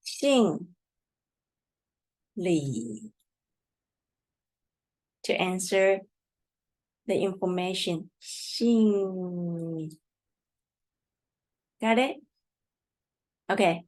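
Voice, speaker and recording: A woman teaching a Chinese lesson in English, patiently repeating words slowly for learners, with Mandarin as her first language. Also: fairly low pitch, fairly even intonation, darkish tone. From Taiwan. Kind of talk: slow language lesson explanation.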